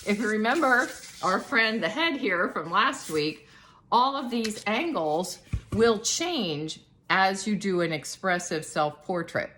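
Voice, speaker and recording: A woman's voice: medium pitch, sharp tone. A middle-aged woman, an art teacher, explaining a drawing lesson in a chatty, demonstrative way.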